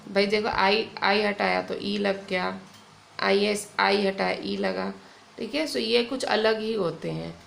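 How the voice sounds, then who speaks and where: A woman's voice: mid-range voice, steady tone, vocal fry, a bit bright, slight background noise. A young woman teacher with an Indian accent, patiently explaining grammar in an online lesson. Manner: slow, patient explaining with frequent "theek hai". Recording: echoey room with faint ambience.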